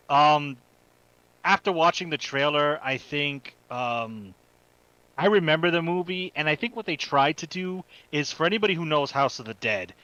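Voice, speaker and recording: A man with a fairly high, bright voice and a forceful tone co-hosts a podcast, offering casual, conversational explanations and movie commentary. The recording is low quality, with no room sound.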